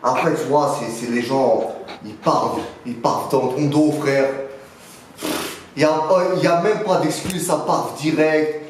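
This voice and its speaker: A man's voice: medium pitch, steady tone, a little slow, natural voice. Casting: male performer as cocky young street dealer, mock interview, loose French street slang, heavy room echo. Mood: defensive. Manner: slangy, rambling, punctuated with filler address words. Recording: very echoey room, faint noise.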